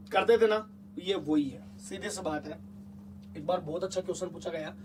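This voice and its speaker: High-voiced man teaching a coaxing lesson. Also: recorded from a distance, a little hiss or hum. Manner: chatty, coaxing, asks the class repeated check questions. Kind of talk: exam-prep lesson.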